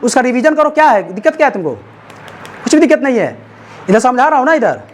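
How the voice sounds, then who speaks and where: Guy teaching a class, high voice, keeps asking students to answer him. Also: sing-song, fast talker. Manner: call-and-response, keeps prompting students to answer. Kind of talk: classroom science lecture.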